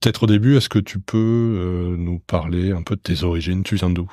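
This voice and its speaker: A man hosting a podcast interview, talking in a relaxed conversational way with some fillers. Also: low voice, normal speed, no echo, clean studio sound. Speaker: podcast host.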